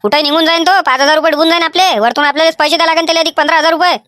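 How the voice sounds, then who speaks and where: A high, bright and quick cartoon voice, played by a woman for an excitable middle-aged farmer with a Vidarbha Marathi accent. He lectures and barks orders in a fussy tone. The sound is close and dry. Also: no echo. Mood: frantic.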